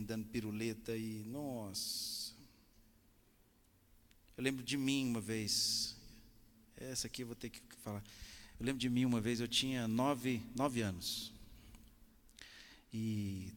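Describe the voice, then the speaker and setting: A man from Brazil preaching a sermon, telling personal stories and acting out the dialogue in them. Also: medium pitch. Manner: lively storytelling, acts out dialogue. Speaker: pastor. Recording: church hall reverb.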